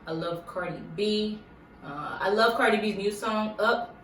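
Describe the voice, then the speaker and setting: A young woman chats in a loose, giggly way, full of "like". Her voice sits at a middle pitch. It rings in an echoey room, caught from a little off the mic with faint hiss. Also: normal speed, a bit bright, recorded from a distance. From Massachusetts. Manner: chatty, giggly, lots of "like". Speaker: YouTuber. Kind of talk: casual Q&A vlog.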